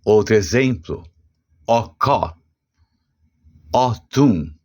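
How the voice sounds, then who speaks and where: Brazilian man teaching a language lesson, husky, lively intonation, slow and deliberate. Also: fairly low pitch, lo-fi sound. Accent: Brazilian Portuguese. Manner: slow, deliberate explanation with spelled-out examples.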